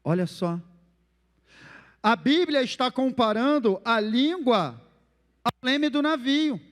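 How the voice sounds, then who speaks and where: A man with a Brazilian Portuguese accent preaching a sermon as pastor, animated and acting out the phrases he quotes. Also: very high-pitched, slow pace, in a large hall.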